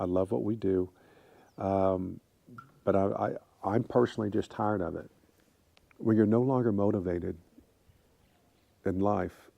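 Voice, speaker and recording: Deep, gravelly man in his fifties. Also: warm tone, no room sound. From United States. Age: 50s. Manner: rambling, frequent fillers and restarts. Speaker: vlogger. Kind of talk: casual talk to camera.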